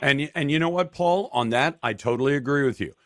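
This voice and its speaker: Man, talk radio host, argumentative, forceful delivery, mid pitch, dry studio sound. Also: a little fast, dry recording. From Taiwan. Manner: emphatic, argumentative. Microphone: studio microphone.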